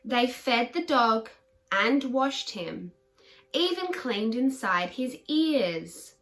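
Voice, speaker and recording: Female children's storyteller, bright and unhurried, speaking simply and directly to young listeners. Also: fairly high pitch, lively intonation, faint music behind. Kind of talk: reading a picture book aloud to children.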